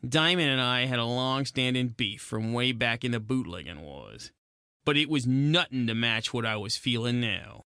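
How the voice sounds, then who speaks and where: A man's voice: medium pitch, lively intonation, normal speed, pushed and bright, clear, resonant tone, dry recording, studio quality. A man playing a hot-tempered, wisecracking penguin private eye, narrating in clipped gumshoe slang for a noir radio play. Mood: brooding narration. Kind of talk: noir narration, 1940s radio detective acting.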